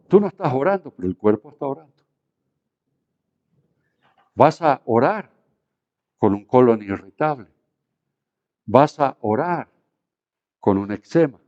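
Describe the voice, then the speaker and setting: Animated man preaching a sermon. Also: medium pitch, lo-fi sound. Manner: animated preaching that shifts between hushed and raised. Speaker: pastor.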